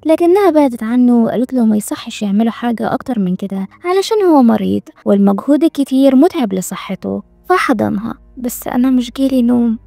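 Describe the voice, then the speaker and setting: Egyptian female recap narrator, playful and snarky, rapid delivery, close dry voice-over. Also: on the high side, expressive, vocal fry, mellow, no echo. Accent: Egyptian Arabic. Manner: playful, sarcastic commentary. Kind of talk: scripted narration with witty asides.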